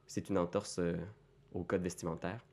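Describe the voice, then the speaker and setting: A man voicing a stern female starship captain who speaks quietly, formally and in clipped phrases. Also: low voice, flat delivery, moderate pace, voice pushed down, close to an everyday voice. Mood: stern, polite.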